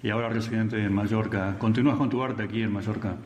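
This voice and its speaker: A man's voice: lowish voice, fairly even intonation, quick pace, darkish tone. A Uruguayan man interviewing for radio, asking brief, direct questions. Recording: echoey room with long reverb.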